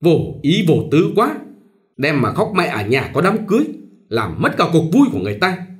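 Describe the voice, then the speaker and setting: A man's voice: a little high, wildly swooping pitch, moderate pace, voice pushed up. A man voicing a snide young woman who mocks coolly. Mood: sneering. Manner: sneering.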